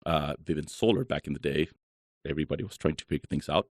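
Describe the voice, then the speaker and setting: A man from Chile in his thirties, a guest talking in a relaxed, chatty way with many fillers. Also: extremely low pitch, quick pace, no room sound, clean studio sound. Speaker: guest, solar company founder. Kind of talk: casual interview talk.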